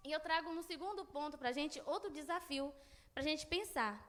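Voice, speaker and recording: A woman's voice: high voice, moderate pace, a bit bright. A woman preaching a sermon to her congregation in a conversational way, asking them questions. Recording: long hall reverb.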